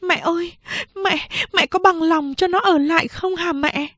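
A woman's voice: extremely high pitch, steady tone, moderate pace, dry recording, pitched above the performer's own voice. A woman voicing a desperate young woman who tearfully begs her mother in an audiobook. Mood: tearful pleading. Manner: tearful, pleading.

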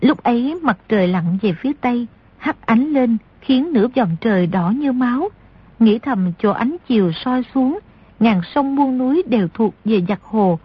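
A woman reading scripted narration as an audiobook narrator, telling the story at a steady pace, in a slightly dull recording. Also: a little high, moderate pace, slightly rough.

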